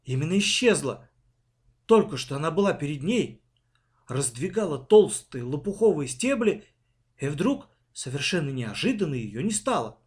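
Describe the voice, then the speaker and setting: A man narrating a children's story in a dramatic, expressive reading. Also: a little high, normal speed.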